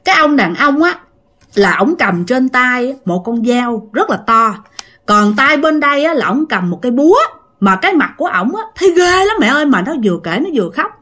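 Woman, casual ghost story narration, chatty, animated pitch. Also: moderate pace. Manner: chatty, addresses listeners directly.

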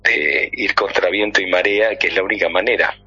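A man talking as a radio guest in casual conversation, agreeable and quick to affirm. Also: low voice, fairly even intonation, sharp tone, husky, highs cut off. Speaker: guest on the phone.

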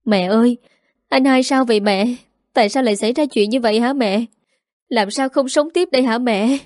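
A frantic young bride pleads through tears, her questions tumbling out a little higher than the storyteller's usual voice, as a woman narrator puts her on. The tone stays mellow and dark, and the recording is dry and close. This is a spoken storybook reading. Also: moderate pace, dry recording, lightly acted. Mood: distraught. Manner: tearful, breathless questions.

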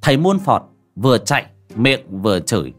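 A man's voice: mid-range voice, very animated, normal speed. A man narrating a horror audiobook with dramatic storytelling. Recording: faint background music.

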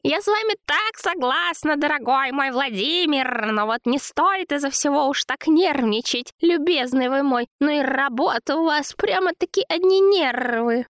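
A woman voicing a fussy young woman who babbles and coaxes in a flattering tone. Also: sits high, moderate pace, few pauses, dry recording, clean studio sound, pitched above the performer's own voice. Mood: coaxing. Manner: babbling, coaxing, fussing.

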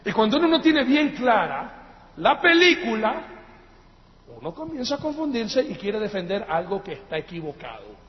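A male pastor with a Latin American Spanish accent, preaching emphatically, swinging from loud outbursts to quiet asides and calling his listeners brothers. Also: high voice, very animated, normal speed. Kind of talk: sermon. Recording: echoey hall, dull lo-fi sound, faint noise.

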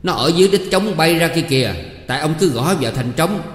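A man's voice: on the high side, animated, fast talker, voice pushed up, natural voice. A man voicing an irritable older village dignitary who snaps back, in an echoey hall. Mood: snapping. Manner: snappish.

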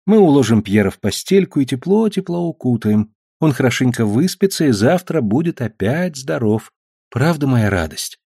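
A man's voice: mid-range voice, sing-song, normal speed, warm tone, breathy edge, no echo, clean studio sound. A man reading a fretful, doting mother. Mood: soothing. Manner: fretful, then cooing and soothing. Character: anxious tender mother of two sons.

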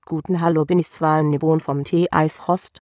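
A man's voice: on the high side, flat delivery, normal speed, darkish tone, dry recording, muffled recording, close to an everyday voice. A man voicing a chirpy alien delivery girl. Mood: polite. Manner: broken, scrambled word order. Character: cheerful female alien delivery pilot.

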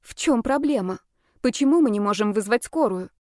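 A woman's voice: fairly high pitch, lively intonation, a little mellow, no room sound, clean studio sound, natural voice. Anxious young woman, as a narrator puts her on. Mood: worried. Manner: urgent, rapid worried questions.

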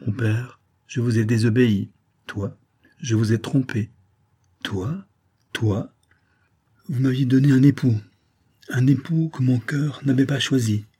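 A man's voice: mid-range voice, unhurried, pauses often, warm tone, slightly rough. A man voicing a devoted young noblewoman who pleads with her father in an audiobook. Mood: pleading. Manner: pleading, earnest.

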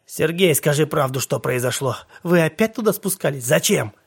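A man's voice: on the high side, animated, moderate pace, gravelly, breathy edge, full character voice. A man voicing a worried middle-aged aunt who fires off anxious questions. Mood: pleading.

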